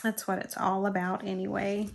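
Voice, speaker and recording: Her voice is gravelly and mid-range, barely moving in pitch, and her pace is moderate; the recording is very noisy. She's a middle-aged woman from Florida with a South Georgia drawl who hosts a crafting channel, rambling, teasing herself, and talking while she crafts at her table.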